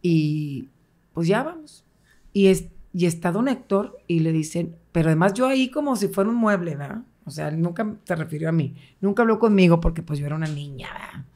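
A middle-aged woman, telling family stories as an interview guest in a lively way, acting out quoted voices and laughing often. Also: lowish voice, fairly quick. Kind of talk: casual storytelling interview.

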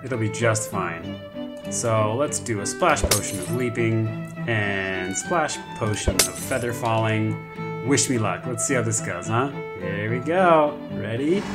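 Excitable man doing panicky game commentary. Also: mid-range voice. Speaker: gaming commentator. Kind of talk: live gameplay commentary. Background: background music.

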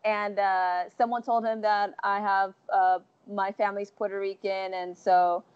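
A woman's voice: mid-range voice, flat delivery, a little slow, clear, resonant tone. A young woman from Texas in her twenties, chatting as an interview guest over a video call, with many fillers and restarts. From Texas, USA. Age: 20s. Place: large indoor gym hall. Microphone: earphone mic on video call. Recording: dull lo-fi video call audio.

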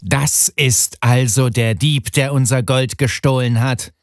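A man's voice: medium pitch, steady tone, slow pace. A man playing a scheming, commanding robber captain in a cartoon fairy tale, speaking with deliberation. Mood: stern, commanding.

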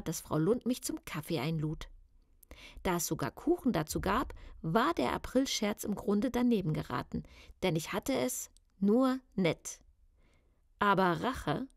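A woman's voice: mid-range voice, animated, unhurried, creaky, dry recording. Female audiobook reader, first-person, confiding and wry, close dry sound. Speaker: audiobook narrator.

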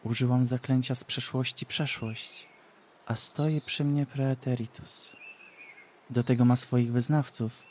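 A man voicing a cruel, mocking mad sorceress who speaks slowly and taunts in a sing-song way, for a storybook reading. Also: mid-range voice, fairly even intonation, a little mellow, slight background noise, lightly acted. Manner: slow, taunting, sing-song with cackling laughs.

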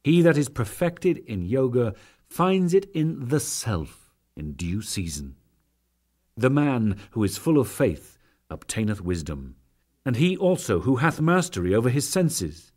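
A man gives a dramatic reading of sacred verse, solemn and measured, with deliberate phrasing and frequent pauses. His voice is medium-pitched and a little mellow.

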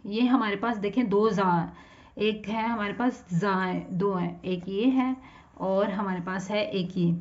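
A woman's voice: mid-range voice, takes it slowly. A woman with a Pakistani Urdu accent teaching children to read letters, patiently repeating each sound and explaining how to shape the mouth. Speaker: teacher of Quran reading for children. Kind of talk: slow spoken lesson, drawing out letter sounds. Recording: dull lo-fi sound.

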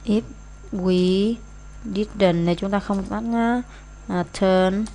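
A woman's voice: mid-range voice, steady tone, slow, mellow, a little hiss or hum. Woman walking through exam answers. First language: Vietnamese. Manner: explains in Vietnamese, reads English phrases aloud; hesitant, frequent fillers. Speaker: English teacher.

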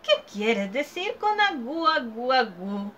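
A woman voicing an earnest five-year-old child in a storybook read-aloud, in a high, pleading childlike voice. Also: very animated, takes it slowly, fairly bright tone, highs cut off, slight background noise, full character voice. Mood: puzzled.

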